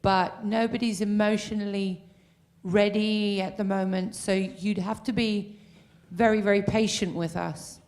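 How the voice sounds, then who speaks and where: Slow-speaking earnest woman from audience. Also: mid-range voice, steady tone, darkish tone. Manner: earnest, pauses with um. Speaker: audience member asking a question. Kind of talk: question from the floor.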